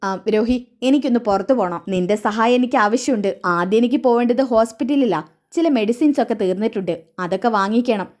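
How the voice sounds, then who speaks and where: A woman's voice: on the high side, fairly quick, darkish tone, lightly acted. A woman reading the lines of a bitter, scornful middle-aged mother who taunts her children, in a serial recap. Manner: taunting, self-pitying.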